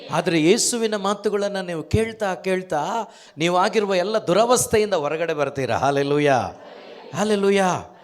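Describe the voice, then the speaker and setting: A man's voice: high-pitched, moderate pace. A man preaching an emphatic sermon, firing off rhetorical questions and calling out hallelujahs.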